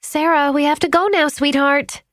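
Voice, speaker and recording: A woman voicing an anxious young mother, high and urgent. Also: steady tone, moderate pace, a bit bright, no echo, studio quality. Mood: coaxing. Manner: urgent, coaxing.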